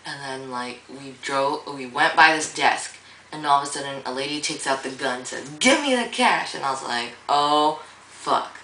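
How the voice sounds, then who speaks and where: A woman's voice: a bass voice, fairly even intonation, a little fast, bright, forceful tone, reverberant, far from the mic, slight background noise, low-quality recording. A young woman vlogging in a rambling, casual way, full of fillers and easy swearing, with a groggy morning voice. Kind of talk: casual vlog monologue.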